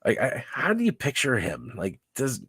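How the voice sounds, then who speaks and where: A man's voice: medium pitch, huge pitch swings, normal speed, fairly bright tone, husky, dry recording. A man leading a casual Bible study livestream, chatty and loose, often laughing and tossing in "like" and "right?". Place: church livestream.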